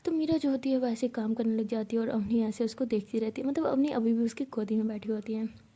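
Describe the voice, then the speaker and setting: Woman casually telling a love story, mellow, a bit husky. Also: fairly high pitch, fast. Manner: chatty, conversational retelling.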